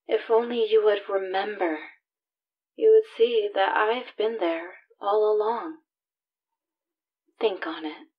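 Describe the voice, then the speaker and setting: A woman voicing a calm, possessive female stalker who speaks slowly and intimately, with soft menace, in a voicemail message. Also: medium pitch, highs cut off. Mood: eerily tender. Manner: slow, intimate, softly menacing. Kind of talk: audio roleplay.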